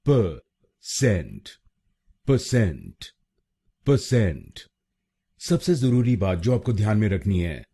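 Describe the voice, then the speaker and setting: A man teaching pronunciation in a scripted tutorial, speaking slowly and repeating words to stress their syllables. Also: on the low side, mellow, slightly rough. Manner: slow, repetitive, stressing syllables.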